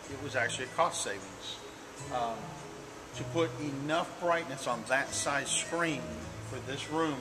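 A man who works as an AV installer, calmly explaining the equipment step by step. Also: medium pitch, poor audio. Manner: matter-of-fact, explains step by step. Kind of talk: technical explanation.

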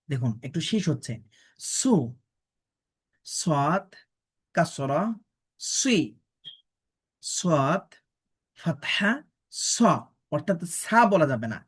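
Low-voiced woman drilling letter sounds very slowly. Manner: spells out letters and vowel marks syllable by syllable; patient, instructive explanations. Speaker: Quran tajweed teacher. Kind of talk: pronunciation drill lesson.

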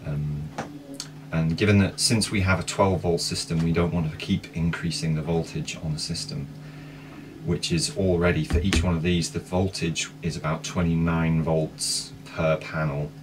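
A man in his thirties with a very deep voice talks through technical kit in a relaxed, practical way. He sits in a boat cabin, recorded from across the table by a wide camera. The sound is distant, with a clear layer of background noise. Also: measured pace. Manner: relaxed, practical, explains step by step. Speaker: sailing vlog host. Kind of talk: casual explainer. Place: inside a sailboat cabin.

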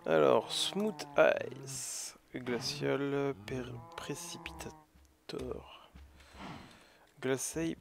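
A man's voice: mid-range voice, slow, creaky. A man casually commentating his own gameplay, often muttering and half-whispering to himself. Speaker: let's play gamer.

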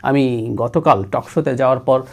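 A man's voice: medium pitch, moderate pace. A middle-aged man, giving a political commentary monologue in an analytical way and mixing English words into his talk. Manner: analytical, mixes English words and phrases into Bengali.

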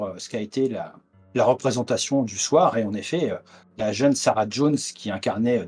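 A man's voice: mid-range voice, darkish tone, slightly rough. A man narrating a tabletop horror game as game master over a video call, with many hesitant fillers. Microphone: headset on a video call.

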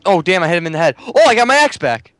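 A man's voice: sits high, sing-song, rapid-fire, a bit bright, dry recording. A man playing along in a casual game session, who keeps asking how the game works and gets frustrated. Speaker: co-player. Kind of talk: casual gaming chat.

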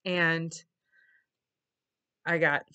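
A woman's voice: sits low, flat delivery, extremely slow, bright, forceful tone, clear, resonant tone, highs cut off. A middle-aged woman speaking casually and candidly to camera, weary and reflective. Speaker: vlogger. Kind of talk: casual confessional vlog talk. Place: small wood-paneled room indoors.

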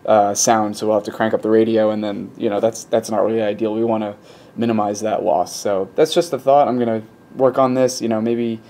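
A man with a lowish voice, talking a little fast, runs through a casual technical explanation at an indoor electronics workbench, pondering aloud in a rambling, hesitant manner. He hosts an electronics hobby channel and is captured by a handheld camera mic behind the lens, with steady static noise and radio static coming from a speaker.

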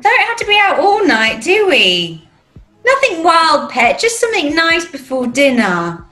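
A woman's voice: extremely high pitch, huge pitch swings, a little slow, bright, forceful tone, heavily acted. A woman playing a fussing, coaxing British mother in a rehearsed script reading over a video call. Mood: tentative, gentle. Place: small room at home, video call.

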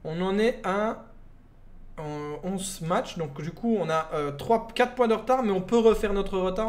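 Brief: young Belgian man, high voice, loose joking live-stream commentary, talks to chat like buddies. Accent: Belgian French. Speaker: gaming streamer. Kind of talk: live gameplay commentary, chatting with viewers.

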